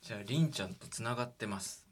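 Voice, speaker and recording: A man's voice: mid-range voice, expressive, very fast, slightly rough. A man on a podcast chiming in with short, wry retorts from off to the side. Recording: off-mic with loud background noise.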